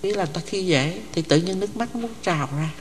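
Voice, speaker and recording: Older nun speaking in an echoing hall. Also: female voice, on the low side, animated, quick pace, a little hiss or hum. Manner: conversational, often checks the audience follows. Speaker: Buddhist nun teaching. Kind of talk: dharma talk. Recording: long hall reverb.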